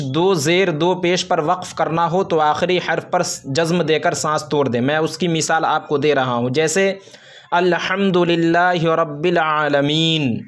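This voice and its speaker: A man with an Indian Urdu-Hindi accent teaching Quran reading, explaining step by step, repeating each example and reciting the Arabic slowly. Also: a little high, a bit bright. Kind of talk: slow, patient tajweed lesson.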